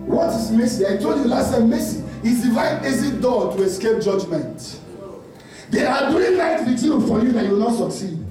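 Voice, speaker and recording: Fiery high-pitched Nigerian preacher man, very echoey. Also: animated, moderate pace, warm tone. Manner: impassioned, emphatic, repeats phrases for effect. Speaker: pastor. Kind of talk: fiery, shouted sermon preaching with call and response. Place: large church hall with congregation responding. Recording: echoey hall, distant mic, congregation and music.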